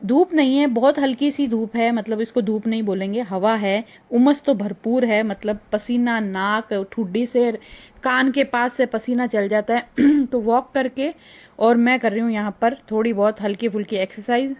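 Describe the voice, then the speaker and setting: A middle-aged woman chatting through a casual vlog voice-over, rambling and homely, her voice a little hoarse. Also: fairly high pitch, moderate pace, a little mellow. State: slightly hoarse. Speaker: vlogger. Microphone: phone.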